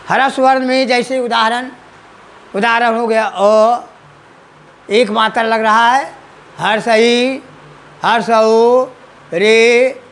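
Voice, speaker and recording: Slow, patient male teacher. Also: very high voice, a bit bright, a little hiss or hum. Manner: slow, repeats questions and answers for students. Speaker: school teacher. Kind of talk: online grammar lesson.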